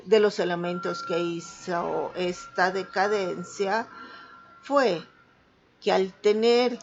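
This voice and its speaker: A woman's voice: medium pitch, vocal fry, a bit bright, highs cut off, a little hiss or hum. A woman teacher with a Mexican accent giving an online class lecture, patiently checking understanding as she goes. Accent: Mexican Spanish.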